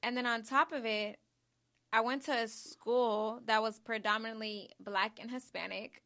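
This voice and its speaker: A young woman hosts a relaxed podcast chat, talkative and quick to giggle. Her voice is bright and slightly high. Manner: giggly, chatty. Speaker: podcast host. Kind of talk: casual chat.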